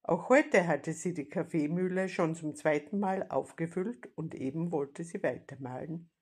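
A woman reading a children's storybook aloud as narrator, calm and steady. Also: low-pitched, normal speed, breathy edge.

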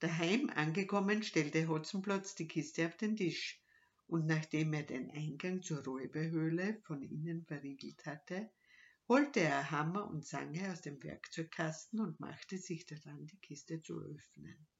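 A woman reading a children's story aloud with dramatic, lively delivery. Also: low-pitched, measured pace. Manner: lively, dramatic rises in tension. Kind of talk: expressive audiobook reading. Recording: dull lo-fi sound.

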